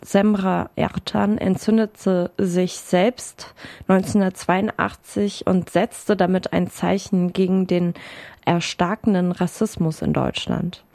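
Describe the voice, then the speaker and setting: Slow, gravelly-voiced woman radio presenter. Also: on the low side, no echo. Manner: steady, read from script, occasional fillers. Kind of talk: scripted radio announcement.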